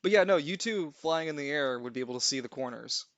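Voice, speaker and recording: A man acts as game master, narrating moves and dice in a casual, informal way with some swearing. His voice sits a little high for a man, and the sound is close and dry. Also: lively intonation, fast, a bit bright, dry recording, highs cut off. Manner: informal, profane. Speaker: game master of a tabletop role-playing game.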